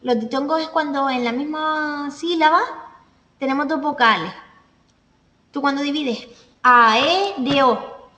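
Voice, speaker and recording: A woman's voice: sits high, a little slow, pauses often, pushed and bright. A woman teaching a class, explaining step by step with examples and checking that her listeners follow. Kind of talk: classroom lecture. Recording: echoey room, voice from a distance.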